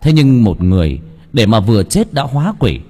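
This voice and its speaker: A man narrating a horror audiobook in an expressive, dramatic way. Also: mid-range voice, brisk. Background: faint background music.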